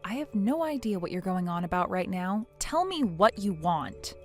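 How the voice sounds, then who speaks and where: Woman as fed up younger sister, mid pitch, dry and sarcastic, audio story drama. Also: sing-song, normal speed, darkish tone, faint music behind, close to an everyday voice. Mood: impatient. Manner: dry, curt, guarded. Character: weary, sarcastic younger sister, hard-working and unimpressed. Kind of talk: scripted audio story dialogue.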